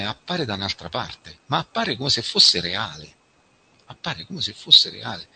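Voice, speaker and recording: Man preaching a reflective spiritual talk; low, tense, cutting timbre. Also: pushed and bright, a little hiss or hum. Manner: slow, reflective, addresses listeners as friends. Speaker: religious speaker. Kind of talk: spiritual talk reading a testimony.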